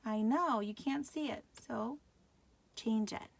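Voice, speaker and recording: A woman's voice: fairly high pitch, takes it slowly, vocal fry, dry recording. A middle-aged woman teaching a live craft tutorial, patient and often checking that viewers can follow.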